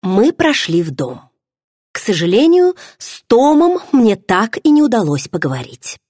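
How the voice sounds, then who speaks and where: A woman's voice: on the high side, wildly swooping pitch, a little slow, a little mellow, slightly rough, dry recording, studio quality. A woman narrating an audiobook in the first person, telling the story expressively. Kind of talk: scripted narration.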